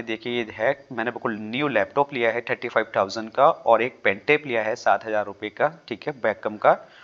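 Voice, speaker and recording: A man at mid pitch talks through exam questions on English literature, going over each answer option and checking his viewers are following. The recording sounds dull and lo-fi, like a basic home setup with a drawing tablet on screen. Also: fairly bright tone. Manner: explains with worked examples, often checks in with "theek hai". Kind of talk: exam-prep lesson on a YouTube channel.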